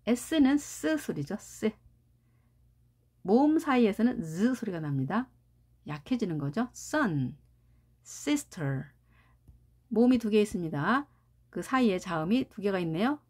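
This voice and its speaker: A woman's voice: mid-range voice, big pitch swings, moderate pace, a little mellow, breathy edge. A Korean-speaking woman teaching English pronunciation, explaining carefully and repeating each example word. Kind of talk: recorded pronunciation lesson.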